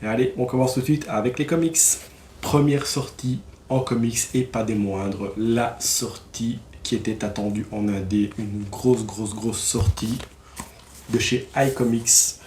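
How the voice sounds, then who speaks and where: A man's voice: mid-range voice, fairly even intonation, measured pace, darkish tone, roomy sound, slight background noise. A man casually reviewing new comic releases, enthusiastic and slangy, with lots of fillers and restarts.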